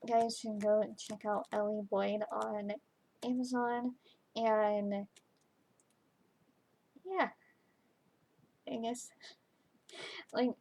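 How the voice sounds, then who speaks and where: A woman giving a chatty, informal book review to camera, halting and often trailing off mid-thought. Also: medium pitch, mellow, husky, poor audio. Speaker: book reviewer, video host.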